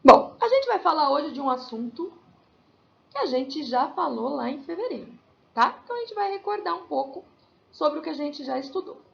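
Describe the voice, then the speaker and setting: A woman with a high voice and a gravelly edge teaches a children's class in Brazilian Portuguese. She explains patiently, one step at a time, and often checks in with short tag questions. The recording sounds a little dull and lo-fi. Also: sing-song, normal speed.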